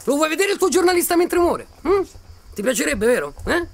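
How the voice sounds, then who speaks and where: An actor playing a volatile, menacing militiaman who taunts and mocks, then bursts into shouting. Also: extremely high pitch, very animated, fairly quick, gravelly, heavily acted. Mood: furious. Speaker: soldier threatening a journalist. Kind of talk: film acting.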